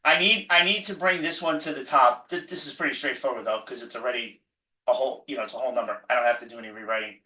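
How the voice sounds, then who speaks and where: A man's voice: mid-range voice, fairly even intonation, fast talker, pushed and bright. A man professor giving an exam review lecture, emphatic and jokey, often repeating himself. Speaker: math professor. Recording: echoey room, mic far off.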